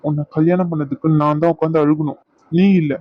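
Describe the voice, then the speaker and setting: A man's voice: fairly high pitch, flat delivery, fairly quick, no room sound, lightly acted. A man voicing a jealous young husband in a dubbed cartoon, sarcastic and accusing, recorded lo-fi. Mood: bitter. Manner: accusing, sarcastic, repeats his demands. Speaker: cartoon voice actor.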